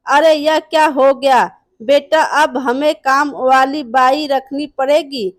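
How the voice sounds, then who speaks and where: A woman's voice: sits high, steady tone, slow pace, dry recording, clean studio sound. A woman voicing a bossy, harsh mother-in-law who scolds impatiently in a storybook tale. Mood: scolding.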